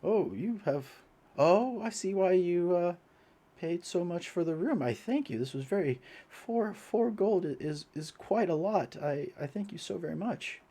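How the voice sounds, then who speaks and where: A man's voice: high-pitched, expressive, a little slow, warm tone, pitched above the performer's own voice, heavily acted. A man voicing a frail, grateful older male priest who stammers his thanks in a raised, thin voice. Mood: flustered thanks.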